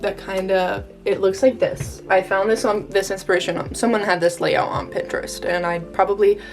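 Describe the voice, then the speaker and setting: A young American woman talks in a casual, chatty vlog style with a gushing valley girl delivery. Her voice sits at an average pitch for a woman, and music plays behind her. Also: level tone, normal speed. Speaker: vlogger. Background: background music.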